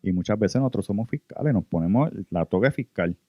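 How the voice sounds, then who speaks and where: Male preacher, Puerto Rican accent, earnest testimony delivery, low register, dry muffled recording. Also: animated, a little fast, dry recording. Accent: Puerto Rican Spanish. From Puerto Rico. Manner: earnest, addresses listeners as brothers. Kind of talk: sermon testimony.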